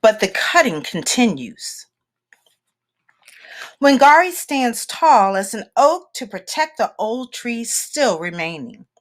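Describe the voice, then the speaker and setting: A children's picture book is read aloud by a woman with a slightly high voice. She takes her time, telling the story expressively and pausing for dramatic effect.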